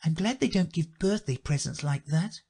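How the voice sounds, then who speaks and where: A man's voice: on the high side, normal speed, mellow, breathy edge, voice pushed up. A man voicing a polite, earnest young girl in a storybook reading.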